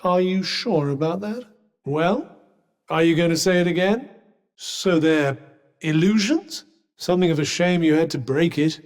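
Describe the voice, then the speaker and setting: A man's voice: a little high, measured pace, lightly acted. A British man playing a sardonic, erudite sentient magical cuff in a video game, speaking formally with dry condescension. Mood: skeptical, dry. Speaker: video game companion character. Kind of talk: scripted video game dialogue. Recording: long echoing reverb.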